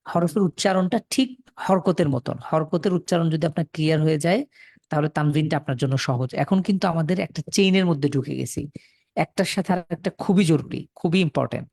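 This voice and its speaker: A man's voice: on the high side, a little fast, creaky, a little mellow, studio quality. A man from Bangladesh teaching Quran reading in a live online class, patiently repeating rules and sounding out syllables for students to echo over a computer mic.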